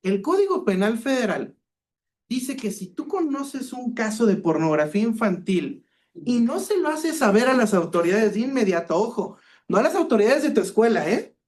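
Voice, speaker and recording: A man's voice: extremely high pitch, normal speed. A man with a Mexican Spanish accent, a cybersecurity expert giving a talk and telling case stories, acting out the dialogue as he goes. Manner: lively storyteller, acts out quoted dialogue. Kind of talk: conference talk with anecdotes.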